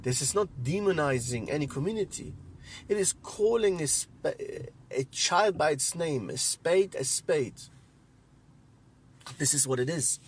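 A man born in Iran and raised in the West with an Iranian-born speaker's accent, delivering a religious commentary monologue as podcast host, emphatic, with sudden loud stresses and many restarts. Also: a little high, lively intonation, measured pace, slight background noise.

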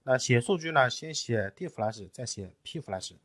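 A man in a technical tutorial, explaining each step patiently and often pausing with fillers. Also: medium pitch, lively intonation, fairly bright tone, no echo. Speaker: tutorial presenter. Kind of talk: screen-recorded technical tutorial.

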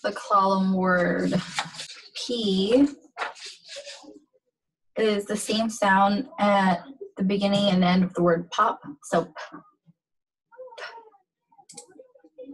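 A woman teaching a pronunciation lesson, speaking slowly and carefully and repeating each sound and word. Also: mid-range voice, steady tone, slightly rough, distant mic, low-quality recording. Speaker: language teacher.

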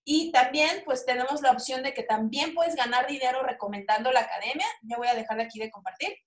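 A Mexican woman with a fairly high voice gives an energetic, persuasive sales talk about online business. Her delivery is full of rhetorical check-ins. The room around her sounds noticeably echoey. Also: brisk. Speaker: online marketing coach.

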